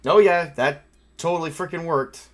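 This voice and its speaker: A man improvises a tabletop horror session as its game master, telling the story and playing along in a loose, stop-start way, cursing now and then. He speaks with a somewhat high, slightly bright voice.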